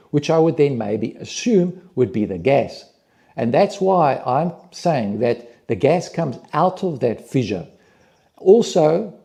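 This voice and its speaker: Gravelly, dark-voiced man explaining images. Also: mid-range voice. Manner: thinking aloud, hesitant restarts and fillers. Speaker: channel host analysing images. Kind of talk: explanatory monologue over images.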